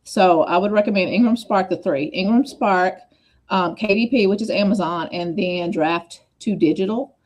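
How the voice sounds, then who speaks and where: A woman hosting a casual livestream chat on a video call, talking fast and jumping between points with many asides. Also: medium pitch, a little mellow. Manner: fast, scattered, chatty with repeated asides.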